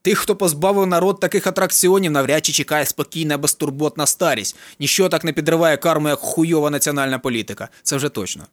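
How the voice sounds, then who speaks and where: A man reading a novel aloud in a wry, deadpan manner, with casual swearing. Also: on the high side, fast, few pauses, dry recording, studio quality. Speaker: reader. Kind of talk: audiobook narration of a novel.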